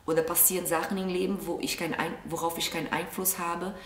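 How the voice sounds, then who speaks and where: This young Brazilian woman talks fast in a fairly low, flat voice with a Brazilian Portuguese accent, answering viewer questions in a casual vlog chat. Sitting on her living-room sofa, she stays thoughtful and gestures a lot with her hands. The camera mic sits a short way off, making the sound roomy with a little hiss or hum.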